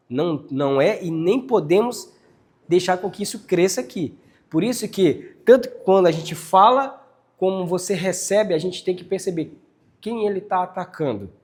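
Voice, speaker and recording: High-voiced man leading a team briefing. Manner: animated, addresses the group directly, with frequent tag questions. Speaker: team leader giving a workplace briefing. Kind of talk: casual corporate training talk.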